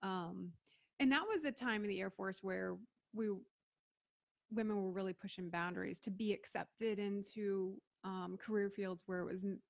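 Middle-aged woman from Florida; gravelly, mid-pitched voice; casual guest who acts out quoted voices. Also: moderate pace, no echo, studio quality. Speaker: guest, business owner and veteran. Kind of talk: casual storytelling interview.

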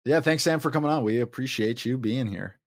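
A man's voice: mid-range voice, fairly quick, dry recording. A man hosting a casual podcast panel in an easygoing, self-deprecating way, with plenty of fillers. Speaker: podcast host.

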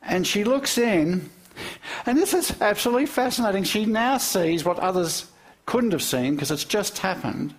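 Man, pastor, sermon, lively storytelling, questions to the congregation, slightly high pitch. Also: normal speed. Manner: animated storytelling with rhetorical questions and chuckles.

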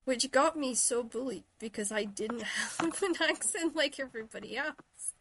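A woman's voice: high voice, moderate pace, fairly bright tone, slight background noise. A woman from Shetland with an American-influenced accent, chatting casually and telling stories through quoted exchanges. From Shetland, Scotland. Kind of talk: casual chat.

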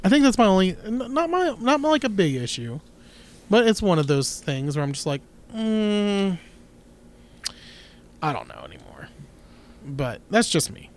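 A man's voice: high-pitched, expressive, a little fast. A man co-hosting a casual guitar podcast, talking in a rambling, opinionated way with many restarts. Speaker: podcast co-host. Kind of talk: casual chat.

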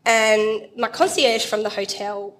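A woman's voice: medium pitch, unhurried. A young woman co-hosting a podcast, telling stories in a chatty way with frequent laughs, recorded live on stage. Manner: chatty storyteller, laughs often. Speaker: podcast co-host.

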